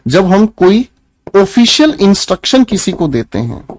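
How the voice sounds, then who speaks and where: A man's voice: high voice, big pitch swings, unhurried. A young Indian man teaching an English grammar class in Hindi, addressing his students as children and quizzing them as he goes. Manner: calls students "beta", asks the class questions, firm and preachy. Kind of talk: online class lecture.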